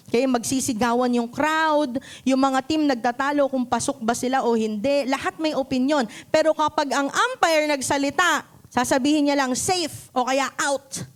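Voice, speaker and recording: A woman pastor with a Filipino accent preaching a sermon in a church on a handheld mic, often checking in with the congregation and acting out quotes. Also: a little high. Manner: asks the congregation questions often; acts out quotes in voices. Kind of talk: Taglish sermon.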